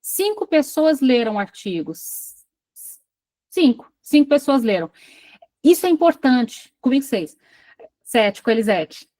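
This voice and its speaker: Brazilian lady teaching over a video call, highish voice, dry close sound, reads then quizzes the group. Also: sing-song, a little slow, warm tone, dry recording. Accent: Brazilian Portuguese. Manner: reads a passage, then breaks off to quiz the class. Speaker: study group coordinator. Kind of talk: online psychoanalysis lecture, reading a case aloud.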